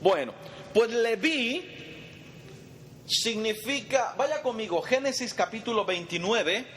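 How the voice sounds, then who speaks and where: High-voiced man teaching a Bible study. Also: expressive, slow, fairly bright tone. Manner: quizzes the group and calls them brother. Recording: long reverb, faint background noise.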